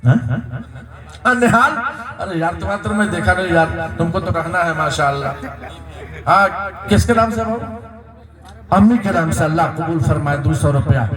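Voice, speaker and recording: A man with a Bhojpuri accent announcing donations at a religious gathering, lively and breaking into loud sung verses. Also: a little high, moderate pace, long pauses, reverberant. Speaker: madrasa event fundraiser announcer. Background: crowd.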